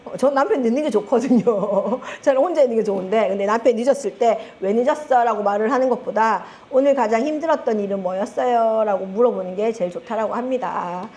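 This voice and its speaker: A middle-aged woman with a Gyeongsang Korean accent gives a lively talk to a seminar audience as a network marketing group leader, teasing them and asking them questions. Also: fairly high pitch, fast, hardly any pauses. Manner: animated, teasing, asks the audience often and laughs. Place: seminar room with a live audience.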